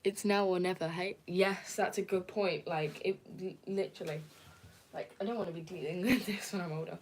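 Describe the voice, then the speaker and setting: A young woman chatting casually on a live stream, soft and hesitant, with many fillers and nervous giggles. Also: lowish voice, steady tone, moderate pace, slight background noise. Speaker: livestreamer reading viewer comments.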